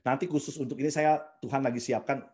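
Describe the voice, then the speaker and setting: A man's voice: mid-range voice, fairly even intonation, quick pace, darkish tone. A man with an Indonesian accent preaching casually in a video church service, mixing in English phrases and acting out prayers. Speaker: pastor. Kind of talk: sermon over video call.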